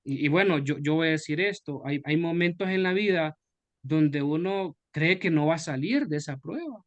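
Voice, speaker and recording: A man's voice: fairly high pitch, moderate pace, dry recording, dull audio. A man, a pastor, leading a Bible study discussion in a conversational way and asking the group questions.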